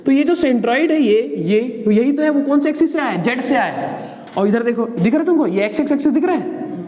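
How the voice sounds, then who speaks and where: High-voiced man teaching in an echoey classroom. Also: expressive, quick pace, dark tone. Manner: talks to students, asking and answering his own questions. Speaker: engineering teacher. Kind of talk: classroom lecture. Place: classroom with a board. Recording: echoey classroom with long reverb, faint noise.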